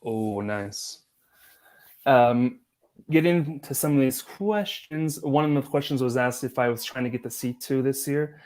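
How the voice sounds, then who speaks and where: A man hosting a language-learning livestream, chatting in a relaxed, rambling way and laughing easily. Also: medium pitch, a little slow. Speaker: livestream host. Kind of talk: casual livestream chat.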